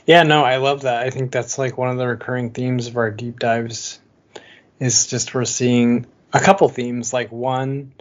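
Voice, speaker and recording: A man's voice: mid-range voice, flat delivery, unhurried, highs cut off. A man co-hosting a podcast in casual chat, talking loosely with many fillers and frequent laughs. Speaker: podcast co-host.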